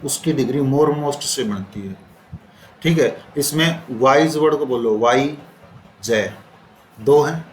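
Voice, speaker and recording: Male teacher drilling grammar in an echoey room. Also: medium pitch. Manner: repeats and drills words slowly, quizzing students. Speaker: English teacher. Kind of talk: classroom grammar lesson. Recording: roomy classroom with faint noise.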